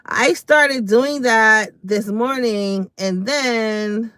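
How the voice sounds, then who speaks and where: Slow-talking woman chatting on a live stream. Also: fairly high pitch, no room sound. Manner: chatty, addresses viewers warmly as y'all and baby. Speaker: livestream host. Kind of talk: casual live stream chat. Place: at home.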